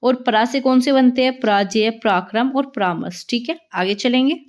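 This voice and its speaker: A woman's voice: a little high, normal speed. A woman teaching an exam-prep grammar lesson, asking and answering her own questions and often saying "ठीक है".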